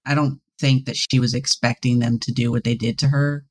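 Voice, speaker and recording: A young man, a guest in a casual interview, talking with a dry, deadpan sense of humor and laughing often. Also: mid-range voice, brisk, breathy edge. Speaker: guest player.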